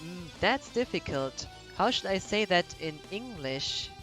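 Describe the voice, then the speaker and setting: A man from Germany, chatting casually while streaming a video game and often pausing to search for English words. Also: sits high, animated, fairly bright tone, faint music behind. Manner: hesitant, searching for words, many restarts. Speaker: let's play streamer. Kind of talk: casual chat while gaming.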